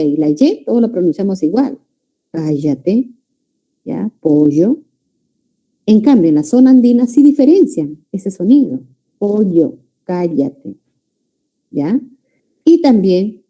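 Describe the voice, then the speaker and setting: A woman giving a pre-university language lecture, often checking in with her students with a quick "ya?" or "no?". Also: mid-range voice, warm tone. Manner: calls students "jóvenes", checks understanding with frequent "¿ya?" and "¿no?". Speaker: language teacher.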